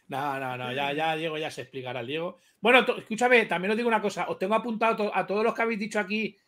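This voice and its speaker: A man co-hosting a live chat, talking fast and heatedly, swearing and repeating himself. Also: sits high. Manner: rapid, excitable, swears a lot, repeats himself. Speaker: live stream co-host.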